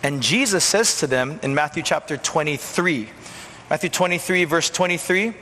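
A man preaching in a relaxed, conversational way, slipping into little acted-out exchanges. His voice sits fairly high and sounds bright and forceful. The sound carries a long church reverb with a faint hiss underneath. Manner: conversational, acts out quick dialogues. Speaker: pastor. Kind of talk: sermon. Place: church sanctuary.

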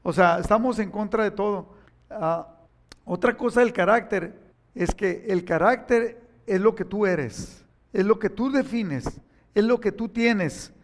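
A man's voice: high voice, a little slow. An older man with a Mexican accent preaching a sermon, emphatic and repetitive, speaking directly to his listeners.

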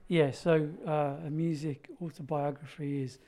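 A man with a fairly high voice explains his work as a music therapist step by step, calm and methodical. He lays his points out in order without hurrying. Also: a little slow.

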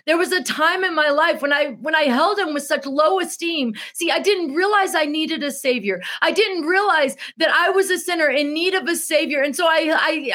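A young woman with a high, light voice gives an emotional devotional message. She repeats key phrases to drive them home and speaks with heartfelt conviction. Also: a bit bright. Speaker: preacher. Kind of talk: Good Friday devotional teaching.

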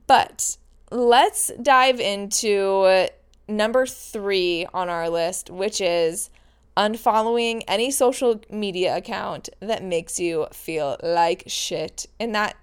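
Female podcast host, smooth clear voice, frank and chatty, recording lying in bed while getting over a stomach flu. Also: mid-range voice. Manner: chatty, frank, uses mild swearing. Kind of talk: casual solo podcast talk.

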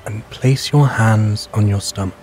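A man narrating a bedtime sleep story in a calm, measured, soothing and hushed guiding way. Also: lowish voice, faint music behind.

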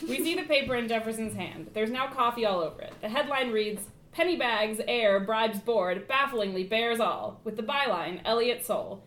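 A woman's voice: a little high, lively intonation, normal speed, few pauses, fairly bright tone, roomy sound. A woman reading stage directions in a casual, amused script read-through, with occasional stumbles.

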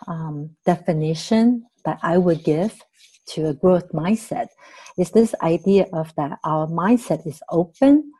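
A woman from Taiwan, a therapist in training, appears as a guest in a podcast interview. Her voice is lowish and dark-toned, and she comes across as thoughtful, with lots of fillers and "right?" tags. The audio quality is poor.

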